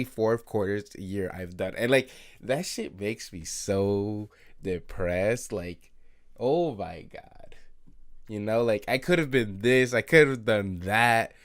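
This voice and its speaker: A man in his early twenties hosting an unscripted late-night solo podcast, rambling, self-critical and swearing, with many fillers and laughs. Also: fairly low pitch. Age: 20s. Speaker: podcast host.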